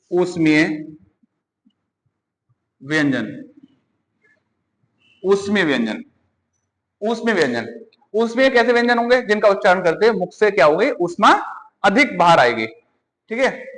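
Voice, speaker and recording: A man's voice: high voice, very animated, a little slow, pauses often, fairly bright tone, big-room sound. A man teaching Hindi grammar for exam preparation, repeating sounds aloud and asking students questions. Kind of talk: exam-prep classroom lesson.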